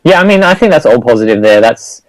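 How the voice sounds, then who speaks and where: A man co-hosting a podcast in casual chat, measured and hedging with "um" and "I mean". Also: mid-range voice, very animated, no room sound, low-quality recording. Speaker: podcast co-host.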